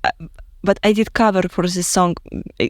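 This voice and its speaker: A woman from Russia with a Russian accent, speaking English as a second language and often pausing to search for words as an interview guest. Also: medium pitch, fairly even intonation, no room sound. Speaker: guest musician. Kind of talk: casual interview chat in English.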